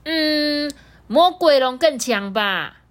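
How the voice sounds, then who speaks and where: A woman's voice: high voice, animated, slow, voice pushed up. A woman with a Taiwanese Mandarin accent voicing a cheerful, naive baby triceratops in a childlike, sing-song way. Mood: chirpy.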